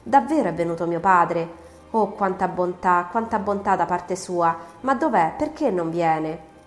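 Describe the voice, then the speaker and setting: A woman's voice: on the low side, steady tone, moderate pace, warm tone, close to an everyday voice. A woman voicing an anguished young man, a feverish prisoner, crying out in an audiobook reading. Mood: eager. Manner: cries out in terror and sudden joy. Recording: roomy recording, faint music.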